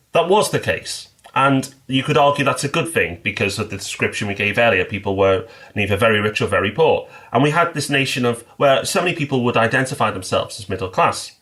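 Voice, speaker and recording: A man's voice: mid-range voice, fairly bright tone. Man explaining on a podcast. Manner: measured, explanatory, with small restarts. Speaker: podcast co-host. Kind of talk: casual podcast discussion.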